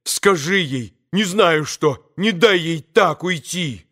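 A man's voice: a little high, lively intonation, slow, a bit bright, pitched above the performer's own voice. A man voicing a desperate, impulsive young man with pleading, anguished outbursts in an audiobook. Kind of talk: audiobook character reading.

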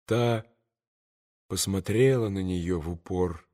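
A man reading a classic novel as an audiobook, in a measured, expressive narration. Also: sits low.

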